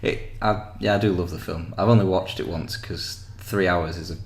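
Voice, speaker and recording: Deep-voiced West Yorkshire man. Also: fairly even intonation, normal speed. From West Yorkshire, England. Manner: swears freely, laughs often. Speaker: podcast co-host. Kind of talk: casual chat. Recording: echoey room with faint noise.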